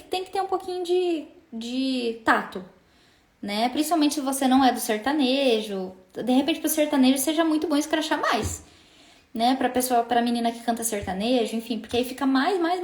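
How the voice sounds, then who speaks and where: A woman's voice: sits high, darkish tone, reverberant. A Brazilian woman coaching singers in a casual live stream, chatty, full of tag questions and restarts. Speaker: singing business coach.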